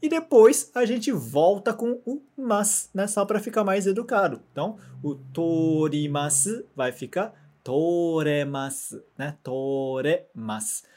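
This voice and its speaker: A man teaching a grammar lesson, patient and methodical, saying example words slowly for repetition and ending sentences with quick check-in tags. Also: high voice, darkish tone. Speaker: Japanese language teacher.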